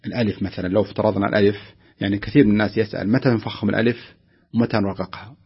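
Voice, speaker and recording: Man, recitation teacher, husky gravelly voice, quick delivery, patient, demonstrates sounds, dull lo-fi audio. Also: lowish voice, steady tone. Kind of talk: correcting callers' Quran recitation on air.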